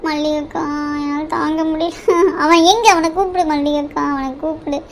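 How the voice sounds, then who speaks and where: A woman's voice: high-pitched, fairly even intonation, moderate pace, a little hiss or hum. A woman voicing a young cartoon wife in labour, wailing, pleading and snapping at her husband. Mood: pleading pain. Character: young wife in painful labour, panicky and cursing. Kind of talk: cartoon voice acting.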